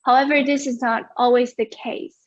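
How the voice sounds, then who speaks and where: A woman giving an academic conference presentation over a video call, explaining results clearly. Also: sits high, steady tone, normal speed, no room sound, lo-fi sound. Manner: clear, explanatory, asks for next slide.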